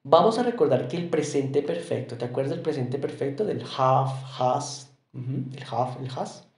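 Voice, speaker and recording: A man's voice: mid-range voice, lively intonation, moderate pace, darkish tone, roomy sound. A man with a Colombian Spanish accent teaching English in an online lesson, explaining patiently and often checking with questions.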